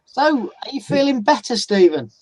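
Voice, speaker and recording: A woman with a fairly high voice takes part in a group chat. Her style is casual and conversational. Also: big pitch swings, normal speed, darkish tone.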